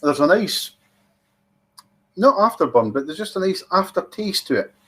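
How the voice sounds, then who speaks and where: A man's voice: sits high, very animated, normal speed, fairly bright tone. Chatty Scottish man hosting a tasting. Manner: chatty, teasing, restarts, savours the words. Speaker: whisky tasting host. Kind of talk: casual tasting commentary.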